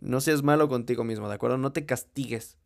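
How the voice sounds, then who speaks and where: A young Mexican motivational speaker talks fast in a medium-pitched, gravelly voice with a Mexican Spanish accent. He addresses the listener directly in a frank, foul-mouthed pep talk.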